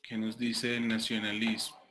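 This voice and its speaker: A man from Colombia with a Colombian accent, giving an online class as a lecturer, talking deliberately with many fillers and restarts. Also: fairly low pitch, completely flat delivery, bright, forceful tone. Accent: Colombian Spanish. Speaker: university lecturer.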